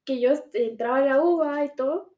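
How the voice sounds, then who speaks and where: A young woman chatting casually, telling animated stories and tagging her sentences with little questions. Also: sits high, a little fast, echoey room, lo-fi sound. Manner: animated storyteller, ends phrases with tag questions. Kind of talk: casual chat.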